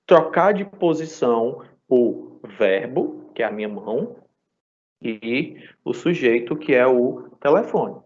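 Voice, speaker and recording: A Brazilian man teaches a live online class at a middle pitch, explaining step by step and checking in with his students every few phrases. The sound is dull and lo-fi, as if picked up by a call mic. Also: animated, slow, a little mellow. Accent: Brazilian Portuguese. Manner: explanatory, checks in often with "certo?". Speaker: English teacher.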